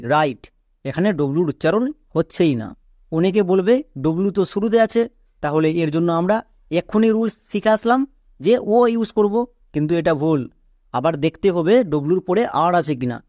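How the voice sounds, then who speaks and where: A man's voice: a little high, darkish tone, dry recording. A man teaching English pronunciation, patiently repeating rules, spelling words out letter by letter, and checking that students follow. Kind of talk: explanatory lesson.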